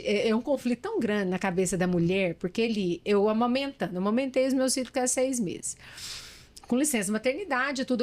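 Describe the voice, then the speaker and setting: Animated Brazilian woman, fairly high voice. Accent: Brazilian Portuguese. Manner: emotional, animated, laughs often. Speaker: podcast guest, former judge. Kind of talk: personal storytelling in casual chat.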